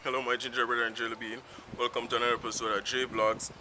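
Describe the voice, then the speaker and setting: A Jamaican-accented man whose first language is Patois vlogs unscripted to a self-filmed camera outdoors in town, in the sun, rambling freely in casual talk. His mid-range voice is flat and racing. The low-quality recording carries loud music behind him and faint street traffic.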